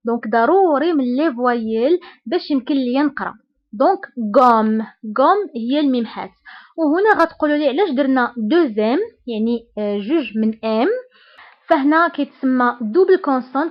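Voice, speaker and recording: Moroccan-accented female teacher, higher voice, patient word-by-word drilling, muffled lo-fi recording. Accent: Moroccan Arabic. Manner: slow, repeats each word for practice. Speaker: French teacher. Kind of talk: language lesson. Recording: dull, lo-fi sound.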